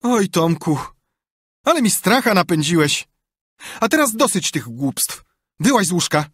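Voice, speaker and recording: A man voicing an older aunt who speaks briskly and scolds. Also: high voice, very animated, a bit bright, slightly rough, no room sound, studio quality, pitched above the performer's own voice, heavily acted. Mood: scolding.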